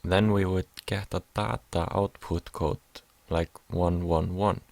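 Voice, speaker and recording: A man's voice: low voice, steady tone, slow pace, vocal fry, darkish tone, no room sound. A young man from Iceland, hesitantly explaining a class assignment over slides, with many fillers. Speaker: music production student.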